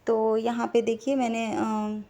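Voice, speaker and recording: A woman from India narrating her home vlog in a homely, chatty way, pausing now and then with fillers. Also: fairly high pitch, completely flat delivery, very noisy. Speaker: home vlogger.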